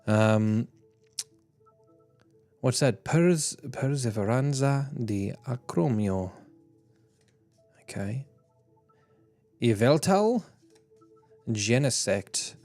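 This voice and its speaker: A man's voice: mid-range voice, a little mellow, dry recording. Chatty laughing male streamer. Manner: chatty, laughs often, reads chat aloud. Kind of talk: casual chat while opening card packs on stream.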